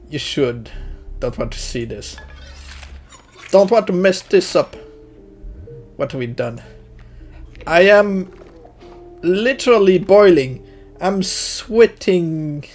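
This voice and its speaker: A woman's voice: fairly low pitch, lively intonation, slow pace, pauses often, a little mellow, soft background music. A woman streamer giving live gameplay commentary, exasperated and talking back at the game.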